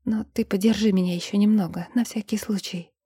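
A woman's voice: mid-range voice, fairly even intonation, a little fast, dark tone, husky, no room sound, studio quality. A woman reading an audiobook and voicing a young vampire woman who speaks tensely in clipped, demanding lines. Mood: hushed. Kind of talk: audiobook character voice.

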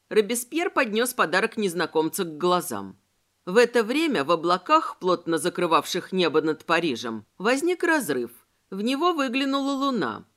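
A woman narrating an audiobook in a measured, expressive storytelling manner. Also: mid-range voice. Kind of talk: scripted narration.

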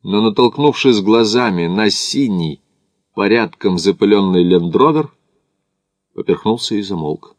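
A man narrating an audiobook in a measured literary reading. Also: fairly low pitch, lively intonation, no echo.

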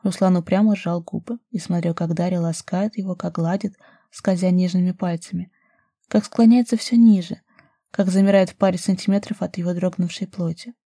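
A woman reads a novel aloud in an even, steady storytelling way. Her voice is very dark and mellow with a husky grain. The sound is close and dry, with no room echo. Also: on the low side, moderate pace. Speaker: audiobook narrator. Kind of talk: scripted narration.

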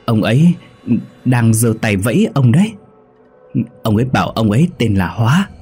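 A man's voice: medium pitch, very animated, normal speed, darkish tone, slightly rough, soft background music, voice pushed up. A man voicing a frightened eight-year-old servant boy who stammers and trembles in a ghost story.

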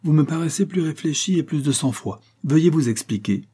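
A man doing a brisk, commanding village mayor. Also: on the high side, lively intonation, warm tone, slightly rough, voice pushed up. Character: brisk jovial village mayor, sturdy middle-aged man.

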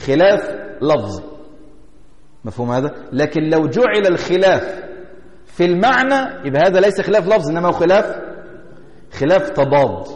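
A man's voice: on the high side, a little mellow. A man with an Egyptian Arabic accent teaching a religious lesson as a sheikh, often asking his listeners rhetorical questions to check they follow. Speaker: sheikh teaching a creed text. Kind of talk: religious lesson explaining a text. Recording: echoey hall with long reverb.

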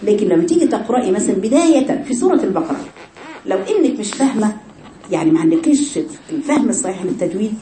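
Fast-talking Egyptian woman teaching recitation. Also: mid-range voice, sing-song, mellow, reverberant, slight background noise. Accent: Egyptian Arabic. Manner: explains with rhetorical questions and demonstrates recitation errors. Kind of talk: tajweed lesson to women.

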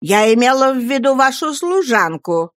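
A woman's voice: sits high, big pitch swings, dry recording, clean studio sound, voice pushed up. A woman voicing a brusque, domineering elderly aunt in an audiobook, curt and emphatic. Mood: stern. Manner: commanding, curt, slow and emphatic. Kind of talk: audiobook character voice.

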